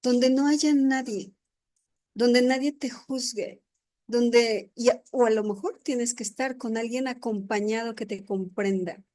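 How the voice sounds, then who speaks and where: A woman's voice: fairly high pitch, steady tone, measured pace, darkish tone. A woman church leader giving an earnest, sermon-style testimony talk into a microphone at an indoor gathering, often tagging her sentences with questions.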